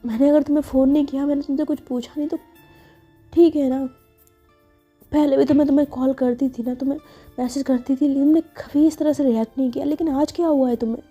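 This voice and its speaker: A woman's voice: high-pitched, steady tone, quick pace, dark tone, muffled recording, soft background music, lightly acted. A woman voicing a flustered young woman who stammers and asks puzzled questions. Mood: pleading. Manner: hesitant, stammering.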